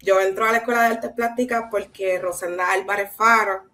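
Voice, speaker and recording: A woman's voice: medium pitch, steady tone, fairly quick, a bit bright. A woman with a Puerto Rican Caribbean Spanish accent speaking reflectively in a conversational artist talk, often checking in with little tag questions. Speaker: visual artist, guest speaker.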